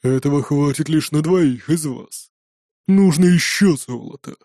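Nuki, a man doing a slow, mocking viking. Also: on the high side, mellow, no room sound, clean studio sound. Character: menacing greedy viking warrior man.

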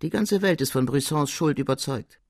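A man's voice: on the high side, vocal fry, a little mellow, no echo, studio quality, pitched above the performer's own voice. A man reading a proud soldierly count. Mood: courtly. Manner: measured, courtly and emphatic. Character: proud soldierly male count, guards colonel.

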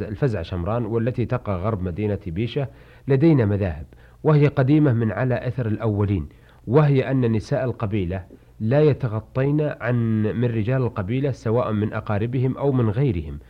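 A man with a lowish voice presents in a formal radio style, reading out listener questions with measured care. The recording is dull and lo-fi, like old broadcast tape.

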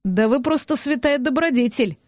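A woman's voice: sits high, lively intonation, normal speed, no echo, clean studio sound. A woman reading the part of a rude, irritable young man who snaps and sneers in an audiobook. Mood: gruff. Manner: curt, snapping, scornful.

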